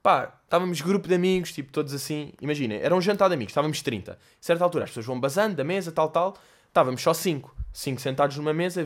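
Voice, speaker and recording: A young man with a European Portuguese accent hosting a casual solo podcast, telling animated, slangy stories and laughing as he goes. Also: medium pitch. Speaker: podcast host and comedian. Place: bedroom.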